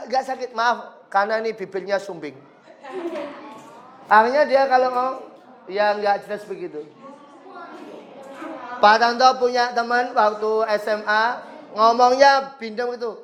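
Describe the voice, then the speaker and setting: A man's voice: extremely high pitch, a bit bright. A man teaching a religious education class, joking with pupils, asking them questions and acting out short stories. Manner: jokey, asks pupils questions, acts out voices in anecdotes. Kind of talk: classroom lesson with storytelling.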